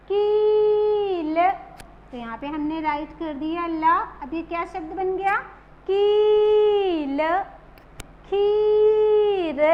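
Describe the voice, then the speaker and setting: Very high-voiced woman teacher, slow and deliberate, stretching each word for young pupils; slightly muffled recording. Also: a little hiss or hum. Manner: drawn-out, stressed pronunciation of example words. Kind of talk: children's phonics lesson.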